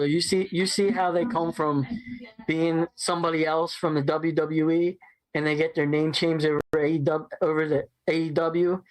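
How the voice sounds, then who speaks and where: A man co-hosting a casual watch-along, speaking enthusiastically and piling up one quick example after another. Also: on the high side, low-quality recording.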